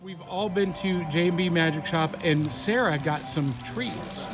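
A man's voice: on the high side, unhurried. An eager man hosts a casual road-trip video and greets his guest with upbeat energy. Faint music plays beneath his voice. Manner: upbeat, enthusiastic introductions. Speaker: show host. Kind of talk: casual vlog hosting.

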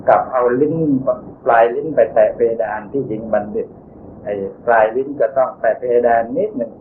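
A man of ordinary pitch teaches a Buddhist dharma lesson at an easy pace, softening his sentences with polite tags. The sound is narrow and tinny, like a phone line, with faint hiss underneath. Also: fairly quick. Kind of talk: explanatory dharma lecture.

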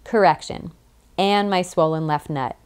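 A woman's voice: on the low side, measured pace, darkish tone, smooth, natural voice. Audiobook: blunt easygoing male clone, woman narrator doing him. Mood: sheepish.

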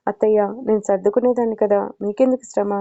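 A woman's voice: mid-range voice, steady tone, fast, mellow, natural voice. A woman voicing a proud, irritable young bride who answers curtly. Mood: tired. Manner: curt, irritated. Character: sulky young bride, sharp-tongued and proud. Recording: dull lo-fi recording.

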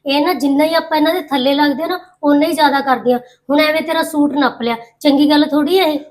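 A woman's voice: sits high, steady tone, fast talker, natural voice. An actress playing an elder daughter-in-law who grumbles indignantly about her in-laws in a family drama. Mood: grumbling. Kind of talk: village family drama acting.

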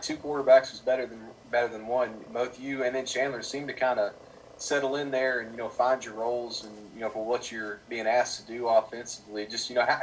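A man's voice: medium pitch, far from the mic, rough recording. A man reporting at a press conference, asking long rambling questions full of fillers. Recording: off-mic with faint room noise.

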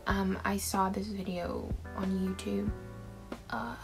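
A woman's voice: mid-range voice, little pitch movement, slow, music in the background, poor audio. A woman in her twenties from Taiwan, chatting casually to camera in a Q&A vlog from her bedroom, with frequent fillers and little laughs. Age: 20s. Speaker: vlogger.

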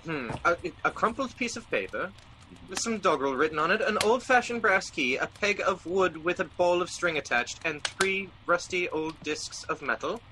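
An actor playing a fussy, exasperated but good-natured gentleman doctor in a radio drama, with a declamatory, animated manner. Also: sits high, moderate pace, noisy background. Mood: dismissive.

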